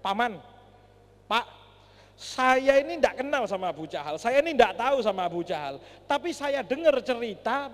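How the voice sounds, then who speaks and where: A man acting out a bold young companion, earnest and pleading, pitched higher than his plain speech. The lilt stays in every word, and a long hall reverb rings behind him. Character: brave eager young male companion. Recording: echoey mosque hall.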